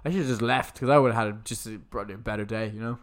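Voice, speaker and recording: A man with a mid-range voice, talking at a racing pace and stuffed up from a cold, co-hosts a casual podcast. In this movie review chat he bluntly grumbles about a film, swearing as he goes.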